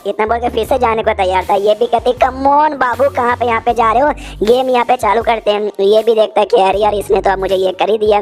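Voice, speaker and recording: Female narrator, chatty and slangy comic recap; slightly high voice over light music. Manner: chatty and slangy, jokey asides. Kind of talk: casual comic story recap.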